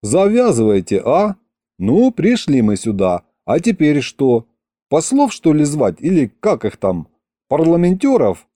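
A brash young man full of cheek and slang, voiced by a male audiobook reader. The voice is pushed high and loud with wide swings. It sits on a dark, dry tone. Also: wildly swooping pitch, measured pace, dry recording, full character voice. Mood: cheeky, brash.

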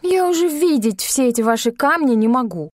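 A woman's voice: high voice, lively intonation, fairly quick, no echo, pitched above the performer's own voice. A woman reading an audiobook, voicing a dry, reluctant young woman tourist. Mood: wry. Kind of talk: audiobook character voice.

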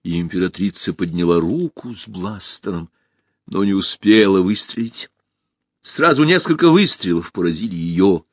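A man narrating a fantasy story for an audiobook in an expressive storytelling manner. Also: low-pitched, moderate pace, no echo, studio quality. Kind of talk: audiobook narration of a fairy tale.

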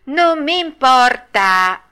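A woman reading an audiobook and voicing a stubborn, whiny wooden puppet boy in a shrill, pleading tone. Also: lively intonation, extremely slow, bright, forceful tone, exaggerated voice. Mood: defiant. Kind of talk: audiobook read-aloud.

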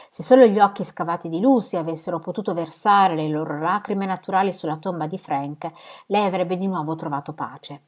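Lower-voiced woman reading a novel aloud. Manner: expressive, shouts out quoted cries and drops to a whisper for tense moments. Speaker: audiobook reader.

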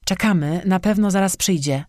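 A narrator voicing a stubborn young man who shouts orders at his frightened friends. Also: medium pitch, normal speed, no room sound, clean studio sound, voice pushed up, close to an everyday voice. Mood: barking orders. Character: stubborn young man leading a group, harsh.

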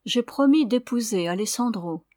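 A woman reading aloud voices a gentle young orphan who speaks up firmly and earnestly. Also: on the high side, expressive, moderate pace, dry recording, clean studio sound, lightly acted. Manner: firm, earnest.

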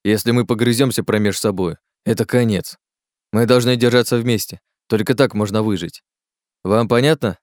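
A man's voice: lowish voice, fairly quick, darkish tone, no echo, studio quality, close to an everyday voice. A man voicing a firm leader lecturing his group in an audiobook. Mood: stern. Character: commanding male leader keeping order. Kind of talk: audiobook character voice.

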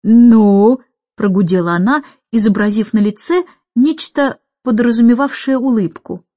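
A woman narrating a children's story in a steady, expressive reading. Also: a little high, normal speed, no room sound, highs cut off. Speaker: audiobook narrator.

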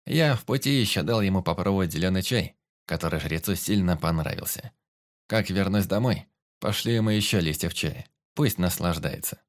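Man reading an audiobook, first person, calm, lowish voice. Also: normal speed.

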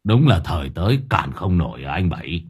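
A man doing a gruff cursing old gangster. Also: low voice, big pitch swings, brisk, pitched below the performer's own voice, heavily acted. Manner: coarse, cursing, growling. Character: gruff older male gangster bar owner.

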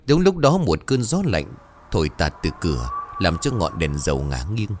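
A man reading a ghost story aloud as a scripted narration, dramatic and expressive. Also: low voice, moderate pace, a little hiss or hum.

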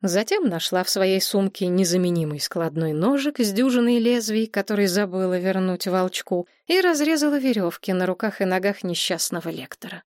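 A woman narrating an audiobook in an even, wry storytelling manner. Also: mid-range voice, moderate pace, few pauses, dry recording, studio quality. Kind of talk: scripted narration.

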